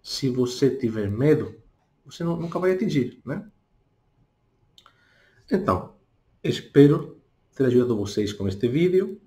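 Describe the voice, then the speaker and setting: A man speaking with a Spanish accent, a native Spanish speaker who gives a casual spoken lesson, talking slowly and tagging his points with little questions. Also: medium pitch, darkish tone. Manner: talks deliberately slowly, tags questions with "não?". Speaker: language teacher.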